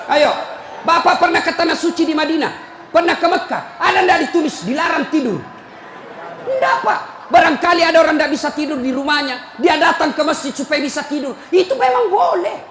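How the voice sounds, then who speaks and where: A man preaching a humorous sermon, teasing and scolding his listeners and often breaking into shouts. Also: very high voice, animated, brisk. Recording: echoey hall, faint crowd and noise.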